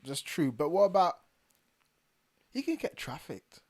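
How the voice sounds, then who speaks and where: A young man co-hosting a casual podcast chat, laughing often and trailing off quietly when he turns serious. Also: fairly high pitch, sing-song, measured pace. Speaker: podcast co-host.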